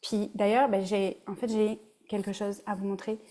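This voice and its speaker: A woman's voice: medium pitch, flat delivery, moderate pace, mellow. A woman with a Québécois French accent, a relationship coach giving a casual, conversational webinar presentation and dropping in English words.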